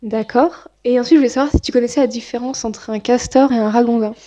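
A woman interviewing informally for a radio programme, speaking hesitantly with frequent pauses. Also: on the high side, steady tone, mellow. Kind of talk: informal street-style interview. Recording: dull, lo-fi field recording.

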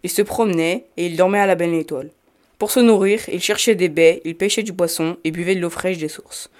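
A woman reading fairy-tale narration in a measured storytelling manner. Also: on the low side, darkish tone.

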